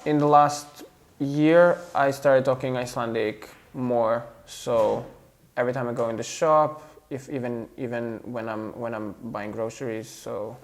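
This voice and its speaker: A young man with a Serbian accent, speaking English as a second language in a relaxed interview. His voice sits in a middle pitch, and he often stalls on fillers and repeats words before finishing a thought. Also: unhurried. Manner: hesitant, many fillers and restarts. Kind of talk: casual interview talk.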